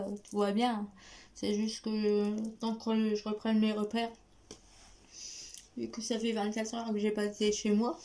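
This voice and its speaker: A woman's voice: fairly high pitch, mellow. A woman chatting casually to camera as a book vlogger, hesitant and rambling, lisping from a newly fitted dental retainer. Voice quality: lisp from a recently fitted dental appliance. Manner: hesitant, rambling, often repeating words. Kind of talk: casual chat to camera, book review vlog.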